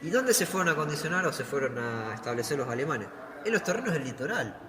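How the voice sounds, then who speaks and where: Very animated and fast, this slightly high-voiced Argentine guide leads visitors through a museum hall. He explains as he goes and asks and answers his own questions, over loud background noise in an echoey room.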